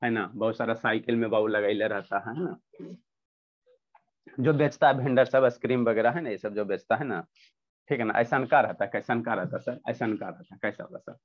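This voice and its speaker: A man's voice: medium pitch, moderate pace. Man teaching an online class, repeating himself. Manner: repetitive question-and-answer teaching. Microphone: video call. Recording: dull lo-fi online class audio.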